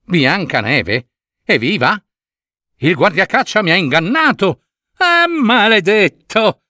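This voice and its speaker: A vain wicked queen, voiced by a man reading a fairy tale, seethes with envy. Her lines are slow and spat out, rising to a shout. The sound is dry and close. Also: fairly high pitch, very animated, clear, resonant tone, no room sound, full character voice. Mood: furious. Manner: seething, exclamatory.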